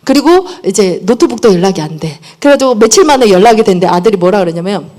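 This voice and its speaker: A middle-aged woman delivers a parenting lecture, animatedly sharing personal stories and acting out the dialogue. She speaks quickly in a mid-range voice.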